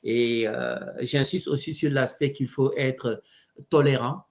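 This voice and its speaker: A man giving an online presentation to educators, halting often with fillers and restarts. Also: mid-range voice, darkish tone. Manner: hesitant, frequent fillers and restarts.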